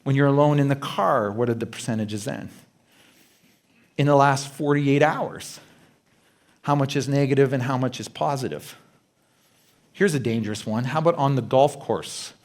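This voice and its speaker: A middle-aged male pastor from Canada preaching a sermon, animated, acting out worried self-talk and dropping quiet for questions to the listener. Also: normal speed, long pauses. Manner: animated, acts out anxious self-talk with rising pitch. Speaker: guest pastor.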